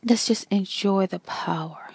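A woman guiding a meditation in a slow, soft whisper with long pauses. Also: medium pitch, gravelly, a little hiss or hum. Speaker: meditation guide. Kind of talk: guided meditation.

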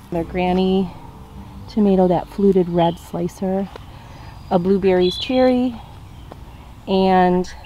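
A young woman strolls through her backyard vegetable garden, casually pointing out plants to a handheld camera for her gardening vlog. Her voice is mellow and fairly low, with slight background noise.

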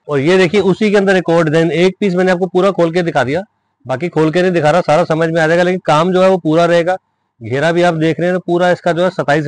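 Male seller, slightly high voice, dry close sound. Pushy, repetitive teleshopping delivery. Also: no echo, rough recording. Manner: insistent selling, repeating prices and urging orders. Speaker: wholesale ladies' suit seller presenting stock. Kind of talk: teleshopping-style product sales pitch.

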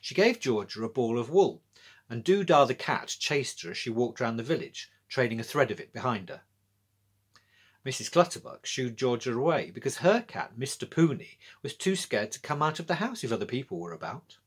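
A middle-aged British man, an author and storyteller, narrates a children's story in a medium-pitched, very animated voice that is slightly rough, at normal speed. He is in a small indoor room lined with bookshelves.

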